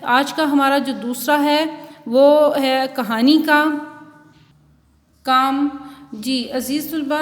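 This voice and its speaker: A woman teacher giving a recorded school lesson, explaining punctuation and reading a story aloud at a slow, careful pace. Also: high voice, long reverb tail. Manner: reads textbook examples and a story aloud, explaining slowly. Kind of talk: online Urdu class lecture.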